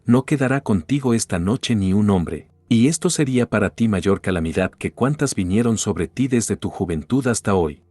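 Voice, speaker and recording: A man's voice: lowish voice, a little mellow, no room sound, close to an everyday voice. A man reading as a stern army commander. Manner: plain read-aloud delivery. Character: stern army commander rebuking his king.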